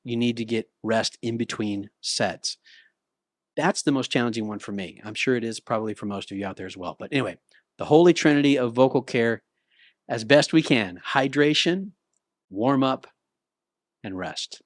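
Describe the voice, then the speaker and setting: A middle-aged male vocal coach talks straight to the viewer in a relaxed, chatty way, dropping in quick sung vocal warm-ups. His voice sits at an ordinary male pitch and is recorded close and dry, with no room around it. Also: dry recording. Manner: casual, conversational, with sung demonstrations. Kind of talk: talking-to-camera singing lesson. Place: Nashville.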